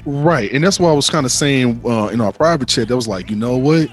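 Man, mid-pitched, casual chat, informal slang, quiet music in background. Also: lively intonation, a little fast.

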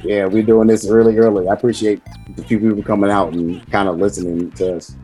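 A male podcast host with a badly hoarse, husky voice that is nearly gone. He chats casually and rambles in a slangy, self-deprecating way. Faint music plays behind him. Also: lowish voice, little pitch movement, a little fast, warm tone.

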